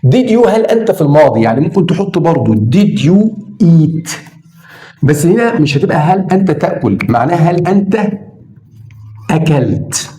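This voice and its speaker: A man with an Egyptian Arabic accent teaching English grammar in a lively, emphatic way, drawing out words for stress. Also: on the high side, moderate pace. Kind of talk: spoken grammar lesson. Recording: echoey room.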